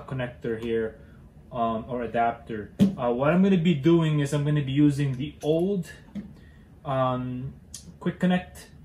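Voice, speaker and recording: A man's voice: mid-range voice, darkish tone, echoey room, slight background noise. A young man hosting a casual how-to demonstration, talking hesitantly with many fillers and restarts while he works with his hands in a cluttered garage. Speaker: DIY car channel host.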